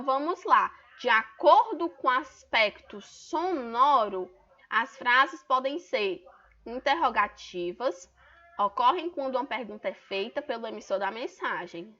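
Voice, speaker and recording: Brazilian woman teacher, higher bright voice, patient step-by-step explainer, dull lo-fi online class audio. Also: expressive, measured pace. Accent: Brazilian Portuguese. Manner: explains step by step, checks in with "tá bom?".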